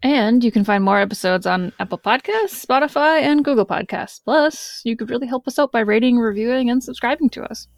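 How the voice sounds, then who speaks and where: A woman's voice: a little high, brisk, hardly any pauses, no room sound, studio quality. A woman playing in a tabletop game podcast, speaking matter-of-factly in casual chat.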